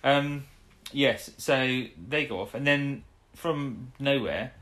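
Rambling podcast co-host, mid-pitched man. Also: takes it slowly, a bit bright. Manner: rambling, self-interrupting, chuckling. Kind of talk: casual chat about an old TV episode.

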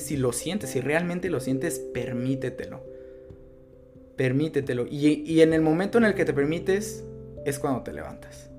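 A man's voice: a little high, darkish tone. A man with a Mexican Spanish accent hosting a podcast, giving earnest motivational advice, repeating his key phrases and swearing casually. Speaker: podcast host.

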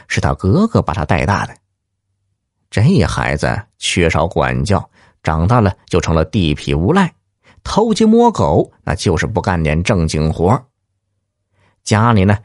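A man narrating a folksy story in a lively, colloquial manner. His pitch swings widely as he shifts between characters, and the recording is close and dry. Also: dry recording. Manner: lively, colloquial, acts out every voice. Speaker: storyteller host.

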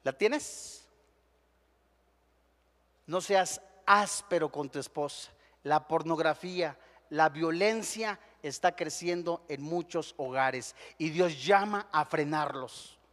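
A man's voice: on the high side, slow, a bit bright, in a large hall. A man with a Mexican Spanish accent preaching a sermon, emphatic and full of rhetorical questions.

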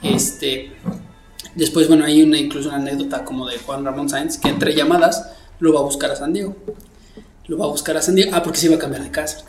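A man's voice: a little high, fast, faint music behind. Man, storytelling. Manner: animated storyteller, acts out quotes, many fillers. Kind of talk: casual storytelling chat. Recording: roomy echo.

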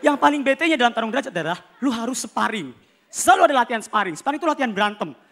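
High, bright-voiced man doing stand-up. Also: rapid-fire, some chatter behind, slight background noise. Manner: animated, acts out characters with shouts and shifting voices. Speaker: stand-up comedian. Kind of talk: stand-up comedy routine.

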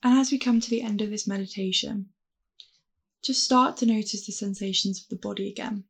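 A woman leads a calm grounding exercise as a guided mindfulness meditation, giving gentle, reassuring instructions in a husky, creaky voice. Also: medium pitch, brisk.

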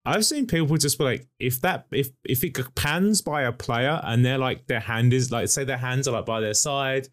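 A man from the UK in casual podcast chat, his pitch sitting in the middle. He tells stories with a joking edge, laughs easily and swears offhandedly. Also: moderate pace, hardly any pauses. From United Kingdom.

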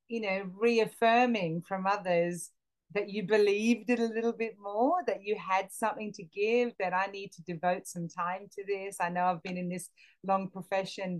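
A woman's voice: medium pitch, rough recording. A woman interviewer asking a long, thoughtful question.

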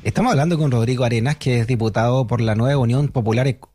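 A man's voice: mid-range voice, quick pace, mellow. A man hosting an interview, asking questions in a friendly, conversational way. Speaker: interviewer, host.

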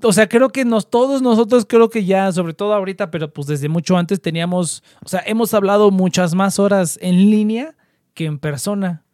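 A man's voice: high-pitched, normal speed, dry recording, studio quality. A young man with a Mexican accent chatting casually and jokily with friends online, full of slang. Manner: slangy, animated, playful with his voice.

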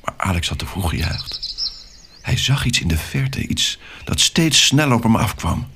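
A man narrating a children's story with an expressive, animated reading. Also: on the low side, normal speed, creaky, background noise.

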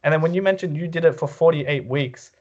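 A man's voice: a little high, a little fast, darkish tone, muffled recording. A young man co-hosting a casual podcast over a call, curious, firing off follow-up questions and restarting his sentences. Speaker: podcast co-host. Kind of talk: casual chat. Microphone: remote call.

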